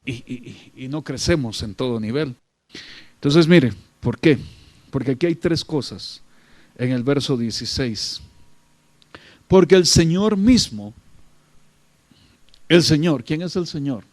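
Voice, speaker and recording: A man's voice: medium pitch, expressive, measured pace, pauses often, a little mellow, dry recording. A man preaching a sermon, emphatic and repetitive, often addressing his listeners as brother.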